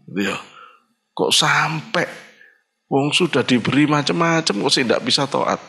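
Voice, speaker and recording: A man's voice: lively intonation, bright, forceful tone. Emphatic Javanese-accented preacher man. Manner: emphatic, scolding and blunt, often jumping high in pitch; mixes in Arabic recitation with slow chanted delivery. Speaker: kyai, religious teacher. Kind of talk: Islamic study sermon.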